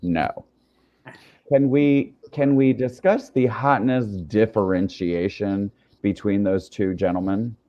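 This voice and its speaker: A man's voice: fairly low pitch, slow, dull audio. A man co-hosting a casual gossip chat with campy, dramatic reactions. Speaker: co-host.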